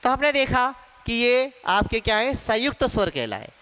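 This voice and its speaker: High clear guy teaching grammar, quizzes the class and answers himself, echoey room. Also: big pitch swings, moderate pace, pushed and bright. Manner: explains step by step, asks questions then answers them himself. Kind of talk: exam-prep classroom lecture. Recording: echoey hall reverb.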